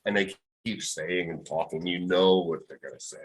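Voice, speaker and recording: A middle-aged veteran radio broadcaster gives advice in a reflective interview, telling stories and acting out the voices of people he quotes. His voice is low and husky at a normal speed, and the audio quality is poor.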